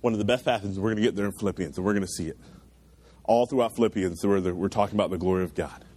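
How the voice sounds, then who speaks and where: A man's voice: fairly low pitch, racing, a little mellow. A young man preaching a sermon to a youth group, earnest and emphatic, pushing his voice up on key points and then settling into a prayer. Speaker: youth pastor.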